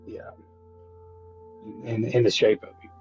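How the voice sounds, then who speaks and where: A man calling in to tell a personal story, halting and restarting, his voice cutting in and out on a bad connection. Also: medium pitch, level tone, a little mellow, dull audio, soft background music. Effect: voice cutting in and out on a bad call connection. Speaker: caller. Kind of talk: call-in story.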